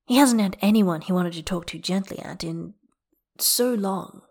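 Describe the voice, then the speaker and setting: A woman reads fiction aloud at a mid pitch, steady and measured. Her delivery is even and unhurried. It is plain audiobook narration.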